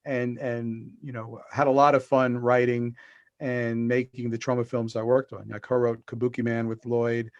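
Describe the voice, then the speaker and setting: A man's voice: medium pitch, little pitch movement, moderate pace, dry recording, lo-fi sound. A middle-aged man, a guest on a video-call interview, telling long stories with fillers and restarts. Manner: rambling storyteller with restarts and fillers. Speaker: podcast guest, author.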